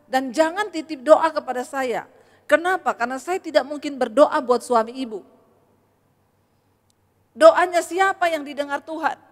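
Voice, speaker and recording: A woman's voice: high-pitched, moderate pace, long pauses. A woman pastor preaching a sermon in a humorous, conversational way and speaking straight to her congregation. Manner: addresses the audience directly. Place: church hall. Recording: echoey church hall.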